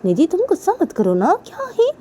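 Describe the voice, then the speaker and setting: A woman's voice: extremely high pitch, wildly swooping pitch, a little fast, mellow, a little hiss or hum, pitched above the performer's own voice, heavily acted. A woman voicing a young woman who pleads with her angry girlfriend in a whiny, repetitive way. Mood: pleading. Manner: pleading, whiny, repeats "what is it".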